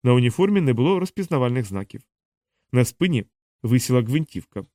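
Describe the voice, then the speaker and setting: Measured male audiobook narrator, dry sound. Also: medium pitch, no room sound. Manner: measured, steady reading. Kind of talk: scripted narration.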